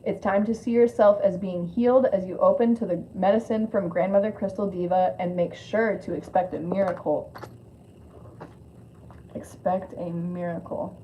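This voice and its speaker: Speaking at a moderate pace in a fairly low, even voice, a lisping woman does a spiritual card reading on a live stream. She drifts from reading aloud into informal, meandering asides, swearing along the way. Clear noise runs through the dull, lo-fi sound.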